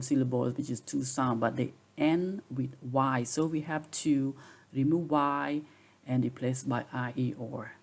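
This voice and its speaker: A man's voice: medium pitch, vocal fry, darkish tone. A man teaching a grammar lesson, patiently repeating rules and examples. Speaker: English teacher.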